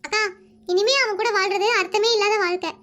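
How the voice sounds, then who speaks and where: A performer voicing an unhappy but resolute young wife in an animated comedy, pleading and calling the other woman "akka". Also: extremely high pitch, brisk.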